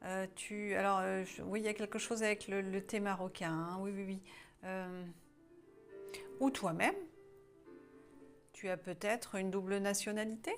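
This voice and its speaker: A woman's voice: medium pitch, steady tone, moderate pace, long pauses, soft background music. A woman giving a casual tarot guidance reading, talking hesitantly with many fillers and restarts, chatty and informal. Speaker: tarot card reader.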